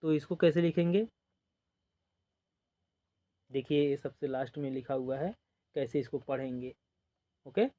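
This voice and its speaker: A man's voice: medium pitch, dark tone. A man teaching a basic number-system lesson step by step, patiently repeating numbers and often saying "dekhiye" and "ok". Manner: explains patiently, repeats numbers, drawn-out counting. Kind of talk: slow step-by-step classroom teaching.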